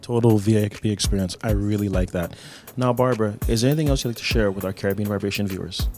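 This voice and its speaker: Male travel-show host, conversational presenter delivery, extremely quick pace, background music. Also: lowish voice, darkish tone. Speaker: TV host, interviewer. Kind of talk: on-location TV interview. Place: airport VIP lounge.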